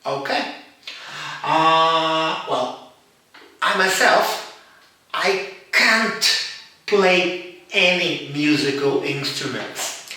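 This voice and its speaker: Slow, deliberate man teaching in an echoey room. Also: fairly high pitch, sharp tone, distant mic. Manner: slow, deliberate, repeats examples. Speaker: English teacher. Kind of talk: grammar lesson.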